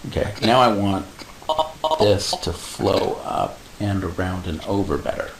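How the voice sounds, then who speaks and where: Low gravelly man walking through animation steps. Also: unhurried. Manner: casual step-by-step explaining with fillers and sound effects like boom. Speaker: animation instructor. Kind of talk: screen-recorded software tutorial. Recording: echoey room with faint hiss.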